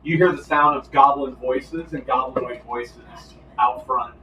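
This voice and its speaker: A man runs a tabletop game as its game master, laying out loot and the scene ahead for his players. His medium-pitched voice sounds roomy and echoing, caught from a little way off the mic. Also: steady tone, measured pace, pushed and bright, slight background noise. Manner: describes loot and scenes, hesitant restarts. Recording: echoey room, distant mic.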